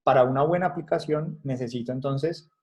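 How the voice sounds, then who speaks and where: A man's voice: mid-range voice, fairly quick, a little mellow, muffled recording. A man lecturing students over a video call, explaining step by step and checking in often with short questions. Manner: explanatory, checks in with frequent "¿vale?" and "¿sí?". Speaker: instructor. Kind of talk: online class lecture.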